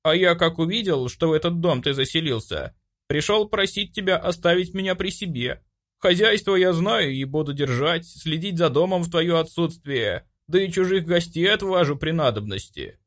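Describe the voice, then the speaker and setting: Guy doing a tiny house spirit, bit higher voice, humble and old-timey, audiobook. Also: moderate pace, a bit bright, close to an everyday voice. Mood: respectful. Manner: humble, old-fashioned speech. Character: small cat-sized male house spirit.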